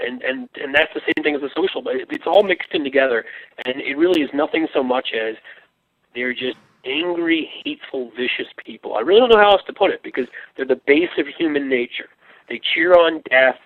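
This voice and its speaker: A man appearing as a guest on a political talk show who speaks heatedly and haltingly, repeating words before he lands his point. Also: mid-range voice, dry recording. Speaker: guest commentator. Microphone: phone line. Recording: tinny phone line.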